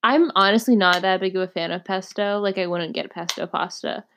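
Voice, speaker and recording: A woman's voice: medium pitch, steady tone, a little fast, a bit bright. A young woman co-hosting a casual podcast chat, leading the topic list, with a lot of hesitant "um" and "like" fillers. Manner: hesitant, lots of "um" and "like".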